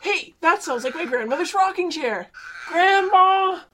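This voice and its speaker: High, animated woman reading lines. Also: normal speed, slight background noise. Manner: playful comic line reading. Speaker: reader of a part. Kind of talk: script table read.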